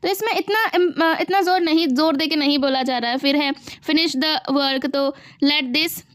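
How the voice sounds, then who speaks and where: A woman teacher explaining grammar for exam preparation, asking students whether they follow and reading example sentences slowly. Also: high-pitched, no echo, clean studio sound. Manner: explains step by step, asks students if they understand; reads English example sentences slowly and deliberately. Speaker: English teacher. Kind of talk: exam-prep grammar lesson.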